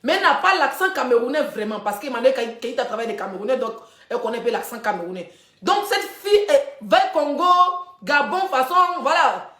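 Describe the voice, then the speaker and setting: A woman, hosting a casual live stream and telling gossip straight to her viewers in a chatty, animated way. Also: high voice, a little fast, roomy sound. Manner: chatty, animated storytelling, addressing viewers directly.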